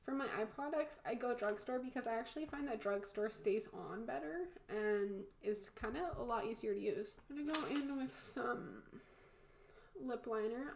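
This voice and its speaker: A woman's voice: fairly high pitch, gravelly, a little hiss or hum. A woman with a blocked-nose sound talking in an informal, rambling, candid way, as in a casual makeup tutorial. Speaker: makeup vlogger. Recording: roomy echo.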